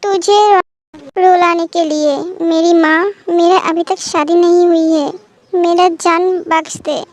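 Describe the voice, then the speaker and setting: A woman's voice: extremely high pitch, steady tone, unhurried, a little mellow. A woman voicing a young male friend who apologizes and jokes in a fan-made audio story. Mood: pleading, jokey. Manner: pleading, jokey.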